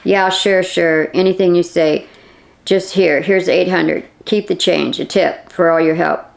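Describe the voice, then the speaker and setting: A tense young man who keeps his answers short and impatient, played by a woman narrator. The voice is low and gravelly, in a storybook reading. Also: steady tone, a little slow. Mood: curt. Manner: curt, impatient.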